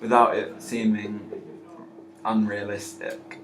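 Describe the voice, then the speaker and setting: A man's voice: lowish voice, flat delivery, slow pace. A young man in his late teens in a student meeting, arguing his points and objecting often. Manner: argumentative, keeps objecting. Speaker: student in a group planning meeting. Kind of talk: casual group discussion. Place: school classroom. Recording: echoey classroom with clear background noise.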